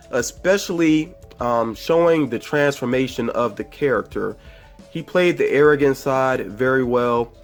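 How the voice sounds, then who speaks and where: Congested from a cold, a man who vlogs movie reviews chats through a casual spoiler review in a middling pitch. His talk wanders, packed with fillers, and he keeps doubling back to fix what he just said, with faint soft music underneath.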